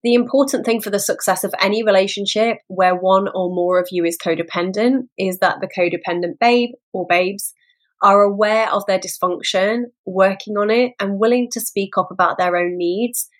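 A woman's voice: medium pitch, normal speed. An English woman hosting an advice podcast on codependency, talking in a casual, chatty way and swearing and laughing easily. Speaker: podcast host and codependency coach. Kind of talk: podcast monologue giving advice.

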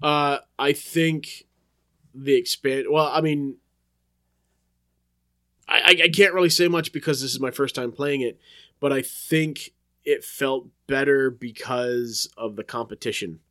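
A man's voice: medium pitch, steady tone, unhurried, pushed and bright. A man co-hosting a board game podcast in casual chat, groaning at puns and swearing freely. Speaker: podcast co-host.

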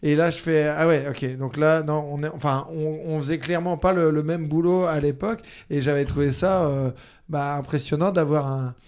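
A man hosting a podcast in a casual chat, relaxed and halting, rephrasing as he goes. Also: fairly high pitch. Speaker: podcast host.

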